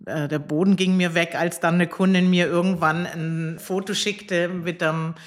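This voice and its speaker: Woman in her sixties, lower voice, podcast guest, enthusiastic, hesitant fillers. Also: steady tone, normal speed. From Hamburg, Germany. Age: 60s. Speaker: bookshop owner, guest. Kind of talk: podcast interview.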